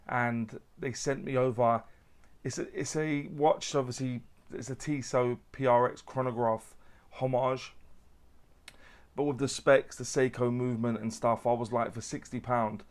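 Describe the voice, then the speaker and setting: A man talks through a watch unboxing in a casual, chatty way. His voice sits at a middle pitch for a man, and his sentences wander with fillers and restarts as he handles the watch on camera. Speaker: watch review host.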